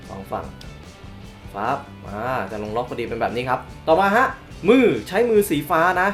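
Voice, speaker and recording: A young man, the host of a toy review channel, does a casual unboxing in a mid-range voice. He is excitable, exclaims often, and hums little sound effects as he shows off the box.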